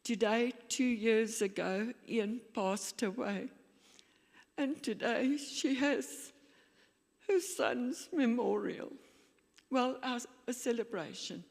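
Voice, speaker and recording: Woman, slow and emotional memorial speaker, mid pitch, hall echo. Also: vocal fry, darkish tone. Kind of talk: memorial speech. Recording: long reverb of a hall.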